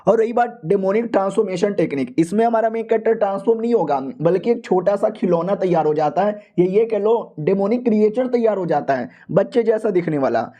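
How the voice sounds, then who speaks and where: A man's voice: high voice, animated, brisk, few pauses, mellow. A man narrating a comic story recap in a chatty, slangy way with joking asides.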